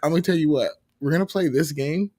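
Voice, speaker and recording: A man's voice: fairly high pitch, fast talker, warm tone. A man in casual podcast chat, easygoing and repetitive, often acting out voices in his anecdotes. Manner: easygoing, repeats himself, acts out voices in anecdotes.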